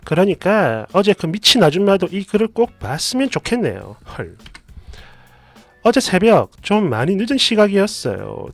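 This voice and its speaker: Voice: medium pitch, no echo. A narrator casually telling a reader's story with chatty asides of their own. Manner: lively, chatty, adds asides and comments.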